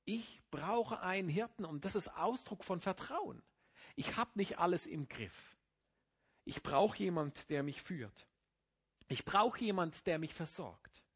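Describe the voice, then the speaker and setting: A middle-aged pastor preaching a sermon, explaining patiently and then rising into emphatic passages. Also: male voice, sits high, expressive, a little slow, a bit bright, slightly rough.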